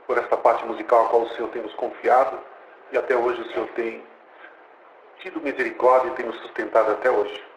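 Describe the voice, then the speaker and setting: A man's voice: mid-range voice, steady tone, a little fast. A man giving an earnest church testimony to the brethren. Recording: roomy church recording, faint noise.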